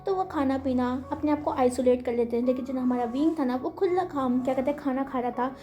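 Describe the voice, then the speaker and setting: High-voiced woman telling a fan story. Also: brisk, mellow, reverberant, dull audio, faint music behind. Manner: chatty, filler-heavy retelling. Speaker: fanfiction narrator. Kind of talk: casual storytelling narration.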